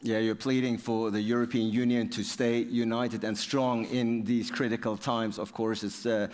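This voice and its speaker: Measured male stage interviewer. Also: medium pitch, flat delivery, darkish tone. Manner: fluent, measured, uses fillers. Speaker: interviewer, TV presenter. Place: university hall on stage.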